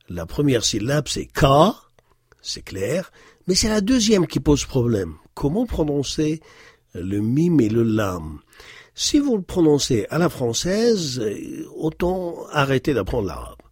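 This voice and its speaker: A man giving a recorded language lesson, explaining patiently with many hesitations and slowly repeating words to model their pronunciation. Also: medium pitch, a little mellow, husky, no room sound, studio quality. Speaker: Arabic teacher.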